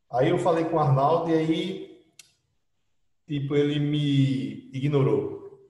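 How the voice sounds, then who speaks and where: Mellow and medium-pitched, a middle-aged Brazilian Portuguese-accented man gives an online English class, explaining conversationally with lots of tag questions. The computer mic catches him from a distance, with roomy echo.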